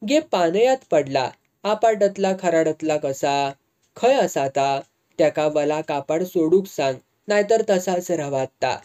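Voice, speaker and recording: A reader voicing a sharp-tongued old village woman who scolds in a Malvani accent, in a serialized novel reading. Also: medium pitch, lively intonation. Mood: scolding. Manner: scolding, quick retorts.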